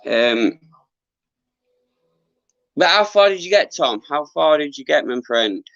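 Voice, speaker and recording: A man's voice: on the high side, animated, creaky, a bit bright. Man livestreaming, dull lo-fi sound. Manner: earnest, halting, rambling. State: losing his voice. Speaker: livestream host, former boxer. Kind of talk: casual livestream chat with viewers.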